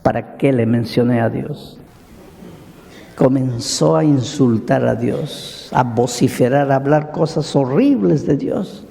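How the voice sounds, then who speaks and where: A man preaching a sermon as a pastor, telling a story slowly and dramatically with repeated lists and rhetorical questions. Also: mid-range voice, vocal fry, mellow, big-room sound.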